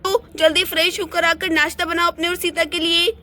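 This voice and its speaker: A woman's voice: very high-pitched, little pitch movement, brisk, bright, forceful tone. A woman voicing a scolding middle-aged aunt and mother in a doll play story, with a nagging, exasperated manner.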